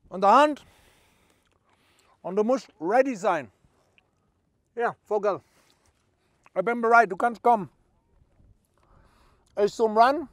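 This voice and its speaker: In a parody how-to video, a man with a very high voice plays a boastful self-styled bird photographer who speaks broken German mixed with English and stumbles over his words. The recording is dry.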